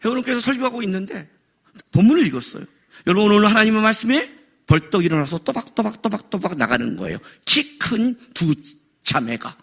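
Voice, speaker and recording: A middle-aged male pastor delivering a sermon at a worship service, animated and joking, raising his voice for effect. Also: high voice, brisk, creaky, breathy edge. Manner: animated, jokes and raises voice for effect.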